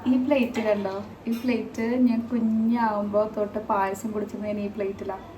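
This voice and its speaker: A woman's voice: medium pitch, little pitch movement, moderate pace, dark tone, slight background noise. A woman in her thirties chatting casually to camera at home as a family vlogger, rambling along with many hesitant filler sounds. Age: 30s.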